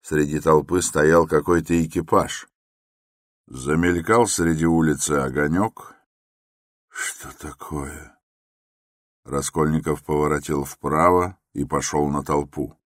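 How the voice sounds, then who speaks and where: A man narrating a classic novel as an audiobook in a measured, even reading. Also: a bass voice, no echo, studio quality. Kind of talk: scripted literary narration.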